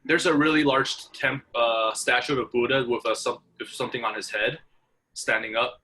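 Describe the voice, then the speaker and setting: Captured in a low-quality recording, a young student from Hong Kong talks casually with his professor, halting often with fillers and restarts. His mid-range voice is steady, bright and forceful.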